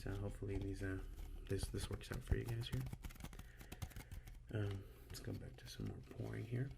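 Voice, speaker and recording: A man's voice: lowish voice, steady tone, normal speed, creaky. A man doing casual ASMR banter close to the ear into binaural mics, hesitant and rambling as he talks to viewers. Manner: hesitant, rambling, loses his thread. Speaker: ASMR video creator. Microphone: binaural in-ear mics set in a styrofoam mannequin head. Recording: loud noise, clicks, handling sounds.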